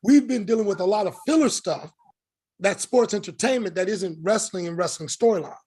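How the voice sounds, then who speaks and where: Husky high-voiced man ranting. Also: lively intonation, fairly quick, darkish tone. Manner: emphatic, exasperated ranting. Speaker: podcast co-host. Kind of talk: casual wrestling chat.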